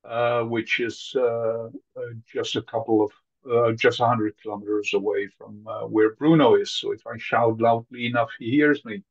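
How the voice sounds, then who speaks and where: A man in his sixties from Belgium, introducing himself on a video call, speaking haltingly with many fillers. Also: medium pitch, flat delivery, gravelly. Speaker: meetup participant, GSoC advisor. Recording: slightly dull lo-fi call audio.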